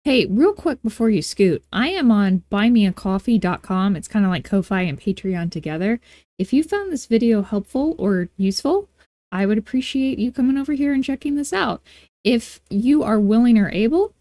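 The tutorial host is a woman whose relaxed, warm voice sits a little high, moving at a moderate pace in a close recording with no room sound. Her casual screencast walks through each step with informal, playful asides.

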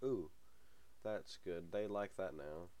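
This gaming channel host, a young man fighting a cold, narrates a relaxed home let's-play in a deep, low voice while sniffling. Rambling and hesitant, he fills gaps with ums and chuckles to himself at times. He speaks at a slow pace with a slightly mellow tone.

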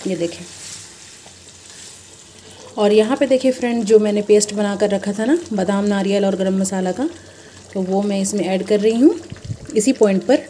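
A woman's voice: medium pitch, moderate pace, pauses often, mellow, slight background noise. A woman hosting a casual home cooking demonstration, chatting with viewers as friends and explaining each step. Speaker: cooking channel host. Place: home kitchen at the stove. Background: frying and sizzling from the pan.

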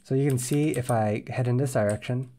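A man's voice: mid-range voice, a little fast, warm tone, slight background noise. A young man walking through his game prototype in a devlog, talking hesitantly with frequent ums and restarts. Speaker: indie game developer. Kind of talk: screen-recorded devlog walkthrough.

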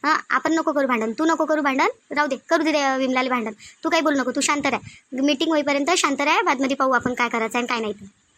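A woman voicing a calm village women's group leader who keeps soothing the others, with a Varhadi Marathi accent and a pleading, repetitive manner. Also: sits high, quick pace, slight background noise.

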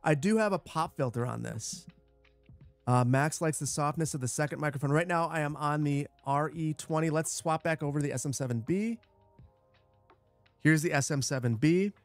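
A man hosts a gaming livestream in casual, chatty style, with a boomy sound that sits a little high in pitch for a man. He is close on a broadcast microphone in a dry space, with light music behind him. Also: normal speed, dry recording. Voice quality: boomy, bass-heavy sound on the mic. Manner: chatty, repeats short phrases. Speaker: livestream host, gamer. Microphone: close broadcast dynamic microphone.

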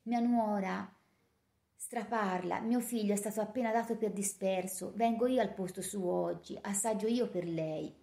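A woman's voice: medium pitch, normal speed, gravelly, dark tone, natural voice. A woman voicing an anxious middle-aged German mother-in-law who pleads and placates, in a storybook reading. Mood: pleading. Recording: roomy echo.

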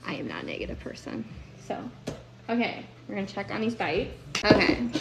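A woman's voice: medium pitch, big pitch swings, brisk, creaky, background noise. A woman chatting casually on a live stream while cooking at home, upbeat and full of "like" and "um". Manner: chatty, upbeat, lots of fillers like "like" and "um". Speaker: food content creator.

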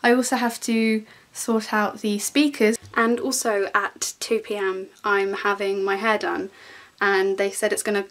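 A woman's voice: mid-range voice, flat delivery, a little slow, hardly any pauses, fairly bright tone. A woman of twenty, chatting casually to camera about her day. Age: 20s. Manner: chatty, self-mocking. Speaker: vlogger. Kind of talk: casual vlog chat. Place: her house, indoors.

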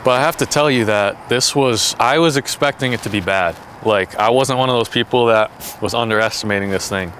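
A man's voice: medium pitch, fairly quick, a bit bright. A young man chatting casually and swearing as he complains about his mouth burning from spicy food, recorded outdoors. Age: young adult. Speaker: challenge vlogger. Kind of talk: casual banter with profanity. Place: outdoors on a backyard wooden deck. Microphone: camera a few steps away. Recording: noisy outdoor recording, some traffic ambience.

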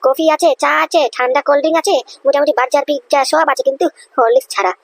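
A woman's voice: high voice, racing. A woman voicing a dutiful, meek male clerk in a cartoon. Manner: dutiful and deferential.

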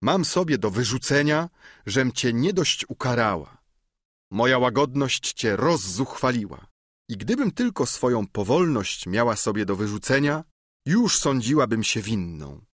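Guy reading furious young noblewoman, vehement and declamatory, raised pitch. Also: big pitch swings, unhurried, fairly bright tone, no echo, studio quality. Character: impassioned young noblewoman feigning fury.

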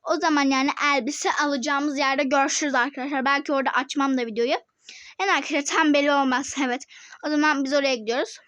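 A woman's voice: sits high, fairly even intonation, quick pace, a bit bright, dry recording. A female vlogger chatting casually and bubbly to her viewers, calling them friends again and again. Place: indoors at home, then a dress shop.

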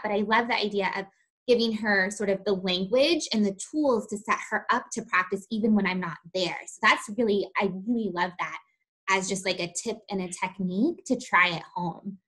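A woman hosting an interview, affirming her guest, with many ums and sort-ofs. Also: mid-range voice. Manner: warmly affirming, lots of "um" and "sort of". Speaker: host. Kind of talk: interview conversation.

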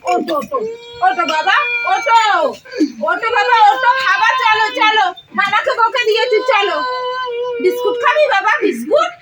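A woman's voice: extremely high pitch, lively intonation, normal speed. A woman acting an aunt in a homemade comedy skit, coaxing a crying boy and scolding her husband. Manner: coaxing, scolding, repetitive urging. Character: coaxing young aunt and daughter-in-law. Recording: loud background noise.

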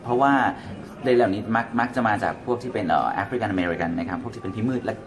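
A man's voice: on the low side, fast talker, crowd noise. A man with a Thai accent, a native Thai speaker, giving a casual English lesson and acting out example greetings. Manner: switches between English and Thai, acts out example phrases. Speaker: English teacher.

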